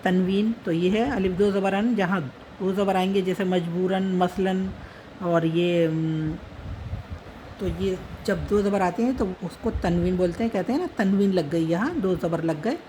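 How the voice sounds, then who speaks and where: A woman gives a slow, step-by-step lesson on writing Urdu letters, patiently naming each letter and dot as she writes, repeating the names. Her voice is fairly low and warm at a measured pace, on a rough recording with a little hiss or hum.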